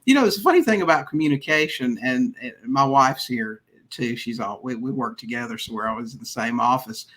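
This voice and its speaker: A man's voice: mid-range voice, brisk, fairly bright tone. A middle-aged man hosting a podcast, asking eager, rambling questions in a casual manner. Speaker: podcast host. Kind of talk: casual interview.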